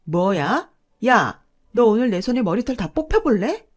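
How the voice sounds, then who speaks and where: A woman's voice: mid-range voice, big pitch swings, normal speed. Woman doing a bossy greedy sister-in-law. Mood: angry. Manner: loud scolding and demanding.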